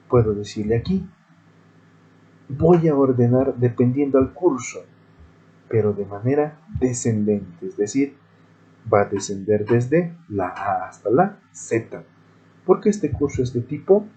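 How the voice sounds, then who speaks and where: Mellow-voiced man teaching step by step. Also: mid-range voice, low-quality recording. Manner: methodical, step-by-step explaining. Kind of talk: screen-recorded programming lesson.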